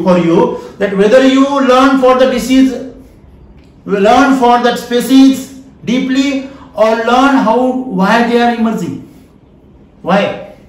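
A high-pitched man with an Indian accent teaches in an emphatic, questioning way. He repeats key phrases as he lectures. The room rings with heavy echo and the microphone sits at a distance. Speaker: trainer, lecturer. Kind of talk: interactive classroom lecture. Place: small wood-panelled indoor training room. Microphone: camera a few feet away. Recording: very echoey room, mic at a distance.

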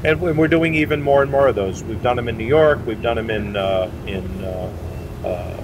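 A middle-aged man answers interview questions in a loose, rambling way, full of fillers and restarts, at an ordinary mid pitch. He sits outdoors beside a boat at a marina, picked up on a lapel mic. Clear background noise of traffic and machinery runs underneath. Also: normal speed. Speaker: boat manufacturer representative.

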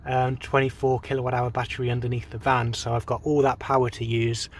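This is a relaxed vlogger talking fairly quickly in a medium-pitched voice as he wanders through a handheld-phone walkthrough of a rural charging station and his van. He rambles, with plenty of ums and restarts, and there's slight background noise.

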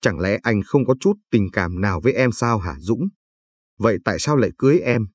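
A man reading the part of a desperate young mother who begs her husband in a storybook reading, in his own husky voice. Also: lowish voice, lively intonation, no echo. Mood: pleading. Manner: tearful begging, quick.

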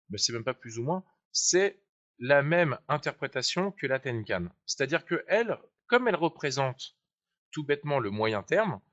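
A man's voice: a little high, a bit bright. A man teaching a live webinar tutorial on trading charts, chatty and explanatory, asking viewers to click along. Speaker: trading software trainer. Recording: dull lo-fi sound.

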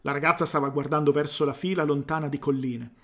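A man reading a short story aloud during a live stream, unhurried, stumbling at times and going back over a line, with short asides of his own. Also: fairly high pitch, fairly even intonation, a bit bright. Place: home streaming setup.

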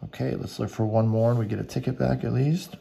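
A man's voice: medium pitch, little pitch movement, fast, vocal fry, dark tone, breathy edge. A man giving casual running commentary as he works, muttering to himself in short fragments and spelled-out letters. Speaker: host of a scratch ticket video.

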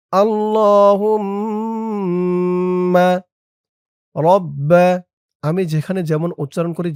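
A man teaching a prayer by chanting it word by word, then quickly explaining how to pronounce it. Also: on the high side, mellow, dry recording, studio quality. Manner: slow drawn-out chanting of each word, quick plain explanations between. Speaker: religious teacher.

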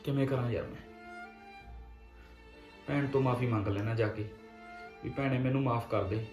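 A man's voice: medium pitch, fairly even intonation, reverberant, over music, close to an everyday voice. An actor playing a young man who pleads with his sister for forgiveness after losing his land. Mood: regretful. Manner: pleading, repentant, with many pauses. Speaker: brother.

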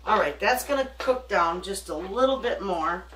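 A woman's voice: medium pitch, expressive, normal speed, a bit bright. An older woman giving a casual, folksy cooking demonstration as she works in her home kitchen, talking to a camera a few feet away. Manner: homespun, chatty, folksy kitchen talk. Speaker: home cook, cooking show host. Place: home kitchen, indoors at the stove. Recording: echoey kitchen, distant mic, background noise.

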